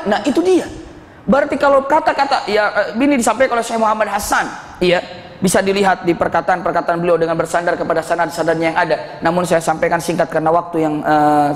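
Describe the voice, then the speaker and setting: A man preaching as an ustadz to a study gathering, telling stories lively and acting out the people in them. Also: high-pitched. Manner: animated storytelling, acts out voices in quotes. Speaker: ustadz giving a religious study talk. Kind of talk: sermon. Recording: echoey hall with long reverb.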